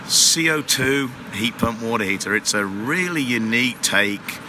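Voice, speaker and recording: A man who manages at a water heater company explains things at length in a casual interview on a busy trade show floor, using lots of fillers. His mid-range voice is unhurried with lively intonation, and the expo floor makes for a noisy background.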